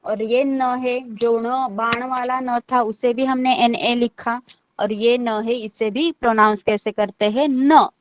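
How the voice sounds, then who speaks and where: Slow, patient woman. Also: a little high, steady tone, slight background noise. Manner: patient, slow, repeats each letter and checks understanding. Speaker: language teacher. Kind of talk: online language class.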